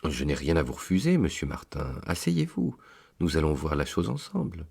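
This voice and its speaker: A man voicing Saint Peter as a kindly old keeper of heaven's book, calm and fatherly. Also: a bass voice, normal speed, creaky, husky, exaggerated voice.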